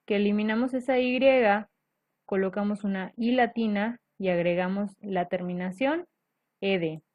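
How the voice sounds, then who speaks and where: Speaking at a moderate pace in a medium-pitched voice, a woman teaches grammar one step at a time and patiently makes sure her students are following. There's no room sound, and the audio is dry, dull and lo-fi.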